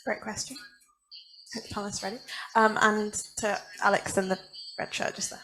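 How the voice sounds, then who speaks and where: A woman moderates a panel Q&A, hesitant and full of fillers as she picks the next questioners. Her voice has a noticeable gravelly fry at a middle pitch. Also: little pitch movement, normal speed, a bit bright, a little hiss or hum, low-quality recording. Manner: hesitant, lots of fillers, light laughs. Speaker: panel chair.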